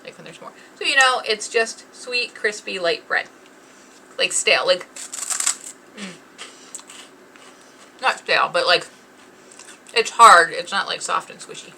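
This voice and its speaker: A woman's voice: medium pitch, takes it slowly, gravelly, pauses often, bright, forceful tone, slight background noise, rough recording. A woman hosting a casual snack-tasting vlog, chatting eagerly, reading package blurbs aloud and talking while chewing. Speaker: snack review host.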